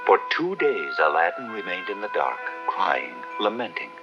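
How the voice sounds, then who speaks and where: On a dull old TV soundtrack with music underneath, a man narrates a fairy tale as the scripted storyteller of a 1970s cartoon. His low voice has a sing-song lilt at a normal speed, with a storytelling mood.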